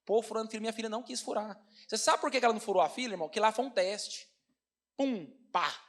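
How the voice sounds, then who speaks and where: High, fast-talking Brazilian preacher. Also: male voice. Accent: Brazilian Portuguese. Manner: animated, addresses congregation as brothers. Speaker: pastor. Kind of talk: storytelling sermon.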